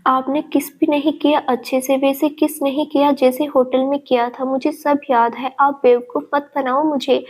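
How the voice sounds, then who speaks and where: A woman's voice: high-pitched, little pitch movement, normal speed, few pauses, a little mellow, close to an everyday voice. A woman voicing a drunk, tearful young woman who pleads and reproaches her lover in a storybook reading. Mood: tearful pleading.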